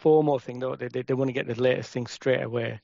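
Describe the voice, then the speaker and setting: A man with a Yorkshire accent chatting casually as a podcast co-host, with quick, halting restarts. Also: mid-range voice, steady tone, vocal fry, mellow, no echo. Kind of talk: casual chat. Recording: dry, slightly muffled.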